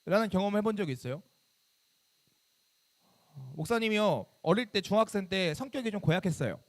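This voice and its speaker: A man's voice: sits high, animated, brisk. A man in his thirties, a youth pastor giving a sermon to middle schoolers, talking conversationally and quizzing them with questions. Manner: bursts into loud scolding when acting out his younger self.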